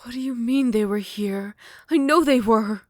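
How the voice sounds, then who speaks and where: In a dry recording with no echo, a voice actress plays a possessive vampire queen for an ASMR roleplay. Her slightly high, fairly natural voice moves at a moderate pace, shifting from soft, tender whispers up close to furious, shouted threats.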